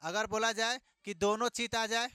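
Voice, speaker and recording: A man leads a classroom math lesson in a high, bright voice. He fires questions at the class and repeats every answer back to them. The sound is clean and resonant, with a dry, close feel. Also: steady tone, moderate pace, smooth, no echo. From Bihar, India. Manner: call-and-response questioning, repeats each answer. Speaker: teacher.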